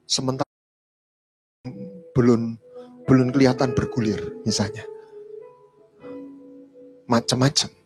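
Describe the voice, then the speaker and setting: A male pastor preaching a sermon, telling stories in a voice that swings from loud to hushed. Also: medium pitch, steady tone, slow pace, long pauses, soft background music.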